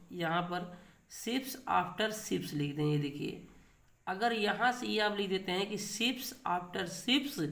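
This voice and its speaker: A man teaching English grammar in a classroom-style lecture. He keeps quizzing his listeners with rhetorical questions, repeats key words, and reads example sentences slowly and with emphasis. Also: high-pitched, a bit bright.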